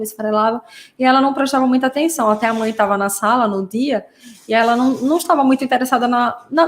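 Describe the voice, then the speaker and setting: Brazilian therapist lady teaching parents, kinda high voice, chatty, keeps doing little sound effects and asking "right?". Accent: Brazilian Portuguese. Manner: playful, acts out sound effects, frequent tag questions. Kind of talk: casual teaching talk to parents.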